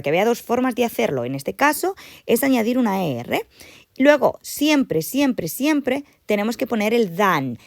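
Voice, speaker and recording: A woman English teacher explaining grammar to her students, lively and emphatic, repeating the key points. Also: a little high, vocal fry, no echo, clean studio sound.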